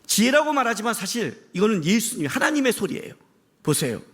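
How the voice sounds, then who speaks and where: A man preaching a sermon as pastor, impassioned, shouting for emphasis and firing rhetorical questions at the congregation. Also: high voice, sing-song, fairly quick.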